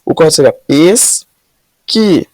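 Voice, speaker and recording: A woman's voice: deep voice, expressive, unhurried, warm tone, dry recording. A woman Portuguese teacher working through exam questions step by step, asking and answering her own questions as she explains.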